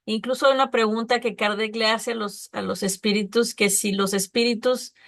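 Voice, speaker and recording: A woman's voice: fairly high pitch, fairly even intonation, normal speed, creaky, fairly bright tone. A woman moderating a spiritist study group, thanking the speaker and reflecting on the talk.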